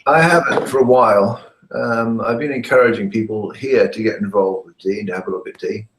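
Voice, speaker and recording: A man's very deep voice comes through a call line that keeps breaking up and rings with echo. He talks casually and hesitantly, full of pauses and fillers. It is a lecturer in an easygoing chat. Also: fairly even intonation. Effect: remote call line that breaks up, with echo. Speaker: university lecturer. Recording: echoey, breaking-up call audio.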